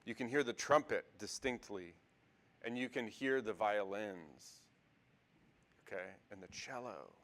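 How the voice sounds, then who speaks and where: A man's voice: fairly low pitch, unhurried, a bit bright. Casual male Bible teacher lecturing a class. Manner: conversational, many fillers and restarts, asks the class questions.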